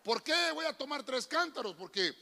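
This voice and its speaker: A man's voice: extremely high pitch, big pitch swings, moderate pace, vocal fry, pushed and bright. A man preaching a sermon, calling out to the congregation and often calling them brother. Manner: calls out to congregation, repeats "hermano". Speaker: pastor. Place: church hall. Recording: long hall reverb.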